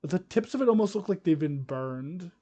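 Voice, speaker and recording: Higher-voiced man running a tabletop game. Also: animated, moderate pace, mellow. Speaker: game master. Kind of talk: casual tabletop game narration and chat.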